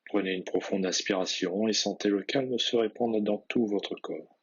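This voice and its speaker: A man guiding a yoga nidra relaxation, reading measured instructions in a husky voice with soft phrase endings. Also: on the low side, fairly even intonation, dull audio. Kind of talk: guided relaxation meditation, read instructions.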